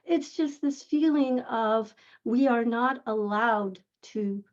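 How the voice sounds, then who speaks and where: A woman's voice: on the high side, slow pace, dull audio. A woman in her fifties from Israel, an audience member asking an earnest, rambling question over a video call.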